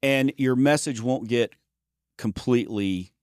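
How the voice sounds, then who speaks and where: A man's voice: medium pitch, measured pace, a little mellow, clear, resonant tone, dry recording, studio quality. A man co-hosting a podcast about sales, talking in a folksy, joking way that often trails off and restarts words. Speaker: podcast co-host and sales trainer. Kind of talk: casual conversational chat.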